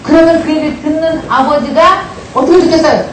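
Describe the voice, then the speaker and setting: Lively female lecturer, high voice, animated delivery acting out family scenes, distant mic in a roomy, noisy hall. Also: a little fast. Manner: animated, acts out family dialogues with the audience. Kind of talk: lively lecture to a live audience. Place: large hall with audience.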